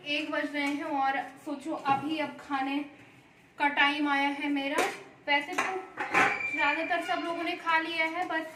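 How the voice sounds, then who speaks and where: A woman's voice: sits high, level tone, unhurried, reverberant, very noisy. A young woman vlogging at home, chatting casually in a meandering, homely way. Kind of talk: casual chat to camera. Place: indoors at home.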